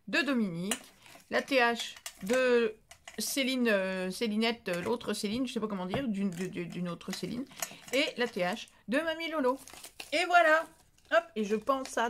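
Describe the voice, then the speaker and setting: A French woman with a fairly high voice talks casually to camera as she opens craft mail. She rambles and restarts her sentences, filling gaps with little hesitations. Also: a bit bright, slight background noise. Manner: chatty and rambling, many fillers and restarts. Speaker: craft vlogger opening mail.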